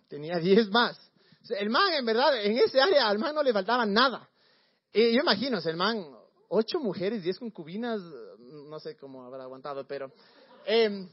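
A man preaching in a casual storytelling way, slangy and animated, often repeating words. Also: high-pitched, dull audio.

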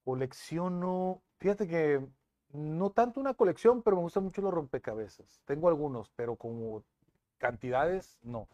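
Guy on a talk show, kinda high voice, dry close sound, keeps restarting his sentences. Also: normal speed, no room sound, highs cut off. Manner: animated storytelling with frequent restarts. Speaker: guest, TV news presenter. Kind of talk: casual interview chat.

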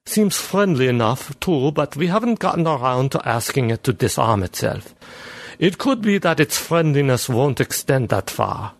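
A man's voice: mid-range voice, big pitch swings, normal speed, no room sound, pitched above the performer's own voice. A man voicing a matter-of-fact male police officer reporting over a screen.

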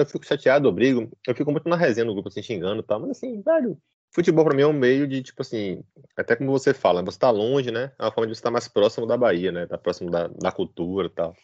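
Fast-talking man, dry dull audio. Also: fairly low pitch, dry recording. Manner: fast, lively, reasoning out loud with fillers. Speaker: podcast co-host, football fan. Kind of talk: casual chat.

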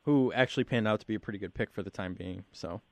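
A man's voice: fairly low pitch, fast talker, dry recording. Chatty man hosting sports radio. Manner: chatty, filler-heavy. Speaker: radio host. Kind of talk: casual sports talk. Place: radio studio.

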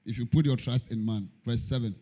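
A man's voice: medium pitch, fairly quick, dark tone. A man preaching a sermon in church, emphatic, repeating key lines and singing out phrases. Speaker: pastor.

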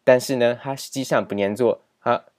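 A man's voice: mid-range voice, fairly even intonation, fairly quick, a little mellow. A man teaching a grammar lesson over slides, explaining patiently and repeating key points with many filler particles. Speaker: language teacher.

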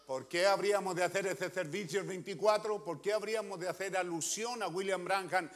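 High-voiced preacher, swinging loud and soft. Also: male voice, brisk. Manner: emphatic, questioning the congregation, swinging loud and soft. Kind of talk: sermon.

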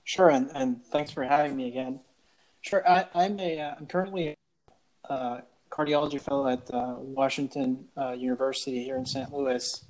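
A man's voice: medium pitch, fairly even intonation, normal speed, darkish tone, poor audio. A young man from El Salvador, a cardiology fellow, answering interview questions casually with many fillers and restarts. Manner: hesitant, many uh fillers and repeated words. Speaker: guest cardiologist.

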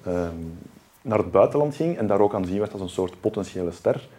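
A man with a Flemish accent, a café regular asking a guest quick questions in a casual chat. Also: fairly low pitch, lively intonation, warm tone. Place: café bar.

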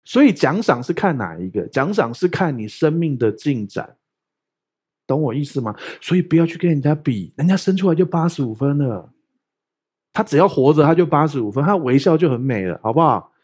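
A man preaching a lively sermon as pastor, talking with animated swings and often checking the congregation follows him. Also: husky. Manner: animated, quick jumps in pitch, often asks the congregation "do you get me?".

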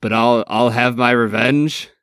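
A man's voice: medium pitch, fairly even intonation, measured pace, vocal fry, a bit bright, smooth, dry recording. A young man co-hosting a podcast, chatting casually in a bro-ish, slangy, joking way. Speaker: podcast co-host. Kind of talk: casual chat.

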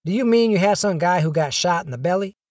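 A man's voice: sits high, animated, fast, a little mellow, no room sound, voice pushed up. A man voicing a blunt, unimpressed male police radio dispatcher in a spoken story, dry recording. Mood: incredulous.

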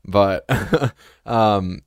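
A young man in his twenties hosts a relaxed podcast interview. His voice sits a little low, and he chats loosely, with lots of fillers. The sound is close and dry. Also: clean tone, no room sound. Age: 20s. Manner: chatty, filler-heavy, quick to laugh. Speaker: podcast host. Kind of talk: casual interview chat.

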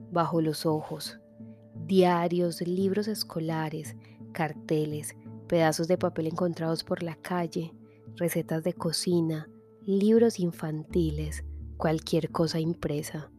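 A woman giving a soft, measured literary reading that sometimes drops to a whisper. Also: low-pitched. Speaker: reader.

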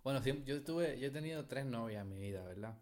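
Halting, easygoing man from Venezuela. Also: medium pitch, expressive, a little mellow. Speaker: podcast guest, tattoo artist. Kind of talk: casual podcast chat.

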